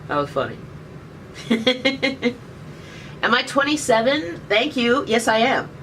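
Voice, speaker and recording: A woman in her 30s chats casually on a live stream indoors by a window, answering viewer questions with jokes. Her voice is on the high side, sing-song, slow, and a bit bright, picked up by a distant webcam mic with faint background noise.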